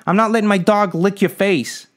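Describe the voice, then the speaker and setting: A man's voice: high-pitched, fairly even intonation, normal speed. A man talking casually to camera in a rambling, indignant monologue, cracking jokey asides and asking his viewers what they think. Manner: indignant, rhetorical, asks the viewers for their opinion. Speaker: vlogger.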